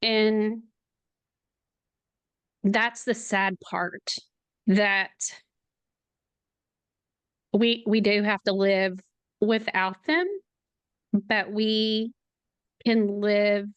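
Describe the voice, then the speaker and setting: A middle-aged woman, a podcast guest, speaking in a slow, halting, emotional way, near tears at times. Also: mid-range voice, level tone, smooth, no echo. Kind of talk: podcast interview.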